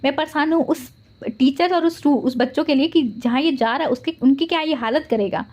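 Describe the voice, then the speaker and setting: A woman's voice: high-pitched, brisk, darkish tone, pitched above the performer's own voice, close to an everyday voice. A woman voicing a tearful, overprotective young father who fusses and pleads. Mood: fretting. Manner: fussy, pleading.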